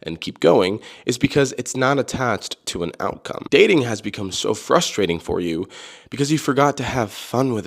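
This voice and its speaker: A man giving teasing, motivational dating advice to his audience. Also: mid-range voice. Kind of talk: motivational talk.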